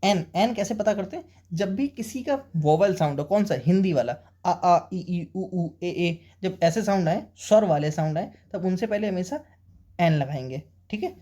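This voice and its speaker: A man with an Indian accent teaching an exam-prep English lesson, reading English sentences out slowly and often checking with students. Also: high voice, animated, mellow.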